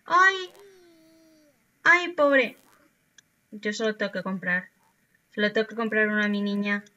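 Spanish woman playing a sims-style game, slow and bright, talks to her sims, kinda muffled. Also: medium pitch. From Spain. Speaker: gaming YouTuber. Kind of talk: casual gameplay commentary. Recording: dull lo-fi sound.

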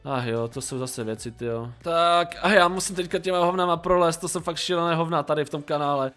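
A young Czech man commentating a Minecraft game, jumpy and quick to panic. His voice sits a little high and sounds bright and forceful, and faint music plays underneath. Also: clear, resonant tone. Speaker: gaming YouTuber. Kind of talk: Minecraft role-play and let's play.

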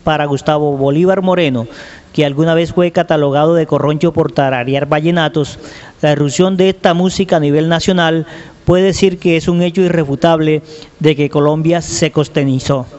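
A man reading the scripted narration of a radio program in a steady voice. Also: on the high side, normal speed, lo-fi sound.

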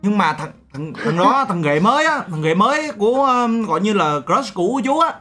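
A man's voice: high voice, big pitch swings, fairly quick, pushed and bright. A man in his twenties from Vietnam, a streamer chatting casually and teasing with mock-serious storytelling. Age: 20s. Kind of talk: casual video-chat banter.

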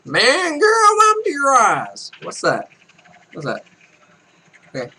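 A let's play host in his twenties speaks in a very high, husky voice whose pitch swoops wildly, slow but bright and forceful. He reads a game's text aloud and comments casually with rambling, offhand asides, recorded noisily indoors in a small home room.

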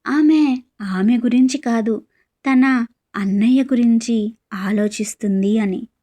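A woman narrating an audio story with a slow, measured reading. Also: fairly high pitch, warm tone.

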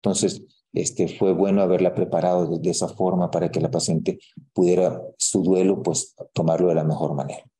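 A man with a Salvadoran accent presents a medical case to colleagues in a slow, halting way, leaning on fillers and restarting phrases. His voice sits low, with a very dark, mellow tone. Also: little pitch movement. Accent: Salvadoran Spanish. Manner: hesitant, many fillers and restarts. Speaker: physician presenting a clinical case.

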